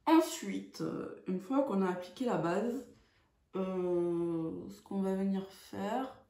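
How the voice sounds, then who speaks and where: A woman's voice: mid-range voice, takes it slowly, gravelly, mellow. A woman chatting through a makeup tutorial, hesitant and full of fillers. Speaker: beauty vlogger. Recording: echoey room.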